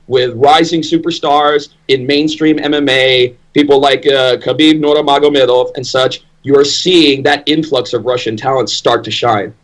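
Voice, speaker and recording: A man's voice: mid-range voice, low-quality recording. A man who works as a ring announcer, talking conversationally and emphatically as an opinionated interview guest.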